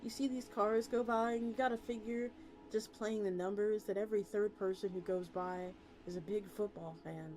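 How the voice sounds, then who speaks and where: Over background music, a woman VTuber reads a story in a relaxed, chatty way. Her voice sits at a medium pitch, steady and a little mellow, at a normal speed.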